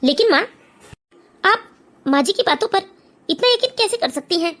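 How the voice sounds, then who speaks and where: A woman's voice: very high voice, lively intonation, moderate pace, a bit bright. A woman voicing a devoted young son in a cartoon, speaking earnestly and pleadingly. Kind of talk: cartoon voice acting.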